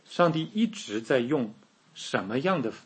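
Male preacher, sermon, very husky, mid pitch, acts out quoted speech. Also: measured pace. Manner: lively storytelling, acting out quoted speech.

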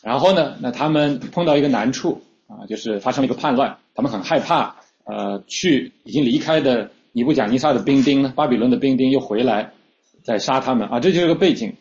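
Guy preaching a sermon, chatty teaching tone, lots of fillers, middle pitch, kinda muffled lo-fi audio. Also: brisk, darkish tone. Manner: conversational teaching, frequent fillers and repeated starts. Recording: slightly dull lo-fi recording.

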